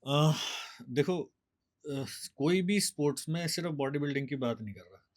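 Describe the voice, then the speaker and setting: A man, a bodybuilder guest telling his story in a steady, explaining way. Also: a little high, moderate pace. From Delhi, India. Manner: steady, explanatory, mixes English words. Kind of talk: casual interview storytelling.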